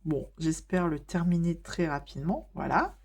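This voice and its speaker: A woman's voice: low-pitched, expressive, moderate pace, darkish tone, slightly rough. A woman chatting casually in a vlog while coloring, with lots of fillers and hesitations, laughing now and then. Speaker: vlogger.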